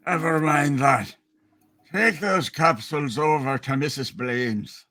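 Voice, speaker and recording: A man acts an irascible, grief-stricken old shopkeeper in a hammed-up radio play. The voice is forceful and slow, pitched high, with barked exclamations. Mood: irritable, angry. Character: gruff, grieving, short-tempered drunken druggist, older man.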